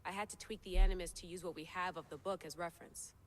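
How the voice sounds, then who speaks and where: A woman's voice: lowish voice, steady tone, fast, natural voice. An actress playing a wry, self-assured woman adventurer with dry, casual delivery in video game dialogue. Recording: game audio with faint ambient noise.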